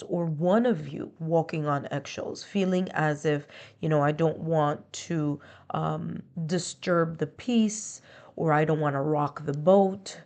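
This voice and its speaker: With a deep, darkish voice made nasal and stuffy by illness, a woman reads tarot and astrology conversationally. She explains every point by stringing together near-synonyms.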